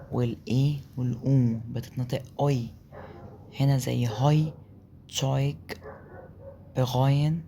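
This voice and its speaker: An Egyptian-accented man walks learners through German letter combinations at an easy middle pitch. He repeats sounds patiently and keeps checking in with a quick question. A faint noise sits behind his voice. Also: dark tone. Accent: Egyptian Arabic. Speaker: German language teacher. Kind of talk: explaining pronunciation in a lesson.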